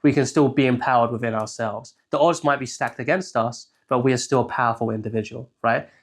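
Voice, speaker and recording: A man's voice: mid-range voice, steady tone, a little fast. A young man, a coach giving a casual solo teaching talk, speaking conversationally and checking in with the listener after nearly every point. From England. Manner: conversational, keeps checking in with "right?". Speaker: life coach.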